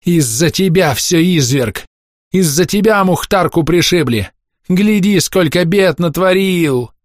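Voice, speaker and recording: A man voicing a lamenting, cursing old village woman with a whiny, shrill voice. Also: expressive, a little slow, no echo, clean studio sound. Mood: scolding.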